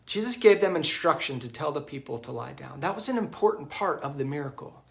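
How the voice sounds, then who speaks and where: Man, preacher, gospel homily, chatty explaining tone, a bit high-pitched. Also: lively intonation, fairly quick, gravelly, a bit bright. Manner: conversational, with everyday examples and frequent "right?".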